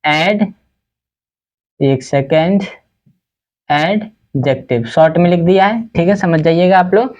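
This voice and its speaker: A man teaches an English lesson in Hindi at a steady classroom pace. He keeps asking the class questions and answering them himself. When he gives an example word, he slows down and spells it out letter by letter. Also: high voice, dull audio. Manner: spells words out letter by letter, slowly.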